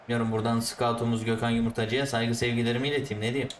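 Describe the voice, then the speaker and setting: A man commentating his own football video game match, ranting at the referee and the players, then calmly explaining his tactics. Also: medium pitch, rapid-fire, roomy sound, distant mic, slight background noise. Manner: switches to calm explaining of tactics. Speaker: gaming YouTuber.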